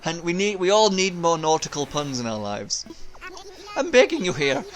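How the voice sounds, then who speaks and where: A man's voice: a little high, sing-song, normal speed, soft background music, voice pushed up. A man voicing a chatty shipwrecked male seagull sailor with a put-on Irish accent. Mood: cheery.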